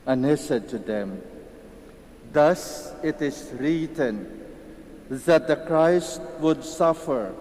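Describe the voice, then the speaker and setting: A clergyman reads the Gospel in a soft-toned, mellow male voice. He moves very slowly and solemnly from phrase to phrase, with a long cathedral echo trailing behind him. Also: on the high side, lively intonation, slight background noise. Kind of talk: liturgical Gospel reading. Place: large reverberant church.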